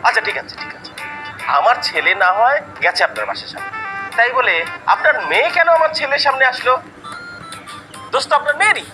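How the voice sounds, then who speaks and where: A man's voice: high-pitched, huge pitch swings, fast, poor audio. An actor playing a mocking, quarrelsome middle-aged father, over background music. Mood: argumentative. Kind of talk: comic drama acting.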